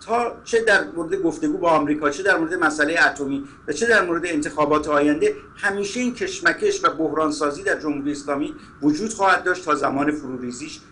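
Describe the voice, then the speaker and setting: A man comments on politics as a studio guest. His voice is bright and somewhat high. He explains step by step, pausing on small fillers. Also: a little hiss or hum. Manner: measured, explanatory, hesitates with fillers. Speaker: guest analyst.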